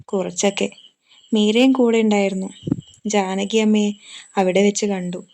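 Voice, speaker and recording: A woman voicing a young woman teacher, a gentle and worried daughter who speaks softly and earnestly. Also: mid-range voice, fairly even intonation, a little slow, a little hiss or hum, natural voice. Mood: tender.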